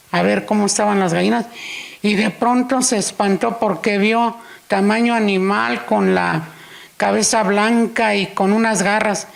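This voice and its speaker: A woman's voice: mid-range voice, gravelly. A woman preaching in church, unhurriedly telling a story and acting out its dialogue. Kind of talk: sermon storytelling.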